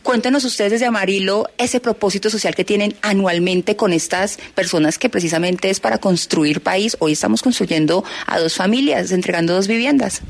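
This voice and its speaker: A woman's voice: mid-range voice, normal speed, vocal fry, few pauses. A woman reporting live on site, upbeat and effusive as she interviews people. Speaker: field reporter.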